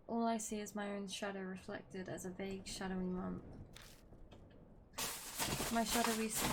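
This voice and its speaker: A young woman with a medium-pitched, gravelly voice, a gaming video creator, plays a horror game at home with her dog. She chats casually, swears now and then, and reads the story text aloud, with slight background noise.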